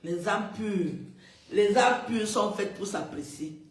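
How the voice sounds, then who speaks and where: A woman's voice: mid-range voice, animated, takes it slowly, far from the mic. A woman talking casually on a live stream, chatty and emphatic, often repeating her phrases. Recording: echoey room, away from the mic.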